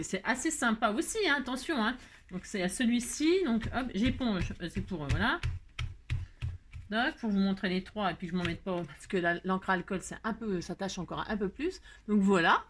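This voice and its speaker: A woman's voice: medium pitch, moderate pace. A middle-aged woman hosting a casual craft tutorial, chatty and rambling with lots of fillers and repeated words. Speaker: craft video host.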